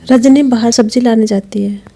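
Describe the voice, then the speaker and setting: A woman narrates an animated story in a scripted, even way. Her voice is somewhat high but warm and mellow. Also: normal speed, slightly rough.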